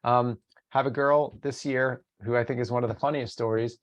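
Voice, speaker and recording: A man's voice: mid-range voice, fairly even intonation, normal speed. A man with a Southern California accent, a college prep counselor giving a casual, chatty talk to parents, full of fillers and little stories. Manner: chatty, storytelling, many fillers and restarts. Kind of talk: casual open-house presentation.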